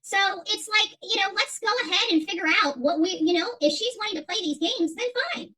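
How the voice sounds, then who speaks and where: Poor audio captures this very high, bright and forceful voice, speaking a little fast. The middle-aged channel host rants unscripted on a livestream, taking on viewer chat in an emphatic, combative style full of repeated phrases.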